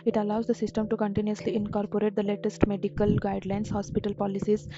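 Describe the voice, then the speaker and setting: A woman delivers a scripted product presentation in a very monotone, mid-pitched voice. She sounds formal and read-out, on a slightly dull, lo-fi microphone. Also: quick pace. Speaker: software demo presenter.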